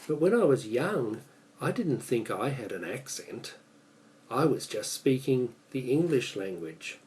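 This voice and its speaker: A man with an Australian accent giving a prepared speech about speaking clearly, in a measured, deliberate way. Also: mid-range voice, big pitch swings, darkish tone, distant mic, a little hiss or hum, low-quality recording.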